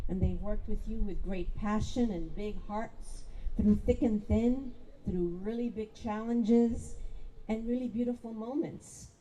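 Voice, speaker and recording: A woman's voice: medium pitch, mellow, a little hiss or hum, rough recording. A woman school principal giving a heartfelt, emotional graduation speech into a podium microphone. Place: graduation ceremony.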